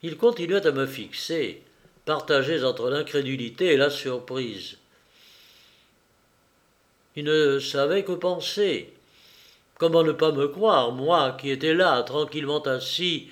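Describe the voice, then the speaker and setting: Slow, measured male audiobook narrator. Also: fairly high pitch. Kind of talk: audiobook reading of a first-person novel.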